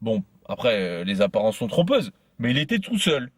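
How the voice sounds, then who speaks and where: A man telling a personal story to a friend, tripping over his words and circling back on phrases again and again. His voice sits at an ordinary middle pitch and is recorded close and dry, with no room sound. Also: big pitch swings, moderate pace, no room sound. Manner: stumbling, repeats himself often. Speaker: podcast host. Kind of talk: casual storytelling chat.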